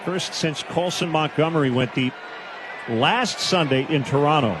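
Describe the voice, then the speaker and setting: A man announcing baseball on radio with a somewhat raised voice. His calls stay brisk and can rise into shouts on big plays. The broadcast audio has a noticeable layer of background noise. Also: fairly high pitch, crowd noise. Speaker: play-by-play announcer.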